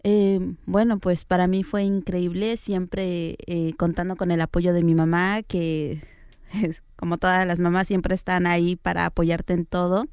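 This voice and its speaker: A young woman from Oaxaca speaks in a smooth, resonant voice. She answers softly and hesitantly, pausing on fillers, recorded close and dry with no room sound. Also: on the low side, flat delivery, no echo. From Oaxaca, Mexico. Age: young adult. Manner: soft-spoken, hesitant fillers, light laughs. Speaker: interview guest. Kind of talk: relaxed interview conversation.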